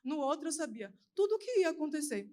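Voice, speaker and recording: A young woman preaching at a youth service, giving an earnest, emotional personal testimony in a quick, anxious delivery. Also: high-pitched, sing-song, mellow. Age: young adult.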